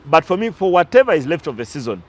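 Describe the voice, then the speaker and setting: A man's voice: on the high side, sing-song, quick pace. Man breaking down football matches. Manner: analytical, tells side stories, some restarts. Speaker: football pundit. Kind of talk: casual sports talk.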